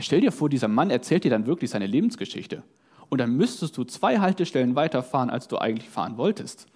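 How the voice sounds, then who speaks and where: A man preaching a conversational sermon, often asking "ja?" and "ne?", and acting out short scenes in his examples. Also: medium pitch. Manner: lively, conversational, acts out voices in his examples; tag questions "ja?" and "ne?".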